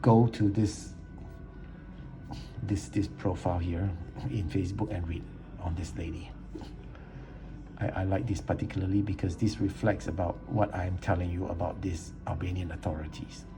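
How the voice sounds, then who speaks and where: A man's voice: low voice, fairly even intonation, normal speed, over music, rough recording. A man giving an indignant, emphatic rant as he reads online posts and reviews aloud, often repeating words as he gets worked up. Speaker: vlogger. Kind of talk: ranting commentary reading online posts aloud.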